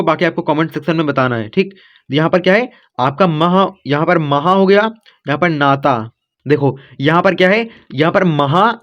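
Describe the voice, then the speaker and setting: A man's voice: a little high, a bit bright, highs cut off. A man giving a casual spoken lesson to children, reassuring and repetitive, often checking with "okay". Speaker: teacher.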